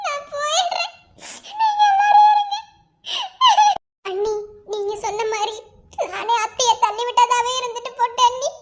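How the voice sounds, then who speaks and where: A weeping young cartoon woman voiced by a woman who begs her brother and sister-in-law in a high, bright, tearful voice, with pleading breaks. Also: full character voice. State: crying. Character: young woman leaving in tears, self-blaming.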